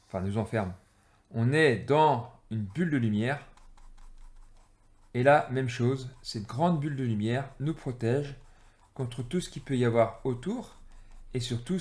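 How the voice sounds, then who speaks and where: A man teaching an energy-healing exercise while drawing, speaking haltingly with many pauses and fillers, tired and irritated. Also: mid-range voice, expressive, darkish tone. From France.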